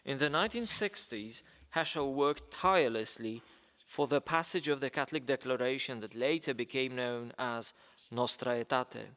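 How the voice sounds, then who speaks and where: At a ceremony, a man reads a letter aloud formally but haltingly, with frequent fillers and stumbles over names. He speaks at a moderate pace in a medium-pitched, fairly bright voice, and the large hall produces a long reverb.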